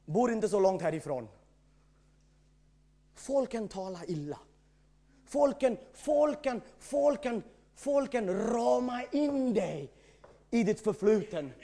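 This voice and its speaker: High-voiced emphatic male preacher. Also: big pitch swings, pauses often. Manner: emphatic preaching, swings between shouting and quiet. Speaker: pastor. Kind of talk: sermon.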